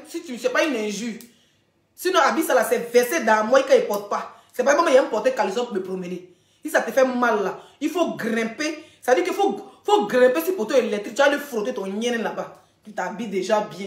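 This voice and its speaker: A woman hosting a live video, chatting casually with her viewers and telling a story in an animated way, laughing often. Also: high voice. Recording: echoey room.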